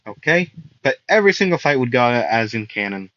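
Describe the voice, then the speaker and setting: A man's voice: mid-range voice, very animated, brisk, a bit bright, slight background noise. A young man improvising a fan-fiction story, rambling with many fillers and self-corrections. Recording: dull lo-fi dry recording.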